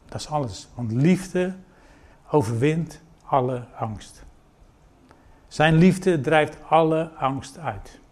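A man preaching a sermon, retelling a scripture story and acting out the dialogue with lively emphasis. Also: a little high, takes it slowly.

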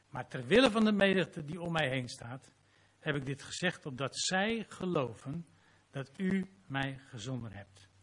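A man's voice: mid-range voice, a bit bright, husky. A man preaching a sermon as pastor, reading scripture dramatically and closing in prayer.

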